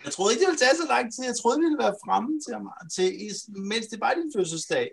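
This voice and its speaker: A person playing a tabletop role-playing game, answering in character in a calm, apologetic way. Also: female voice, fairly high pitch, vocal fry, breathy edge. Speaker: player.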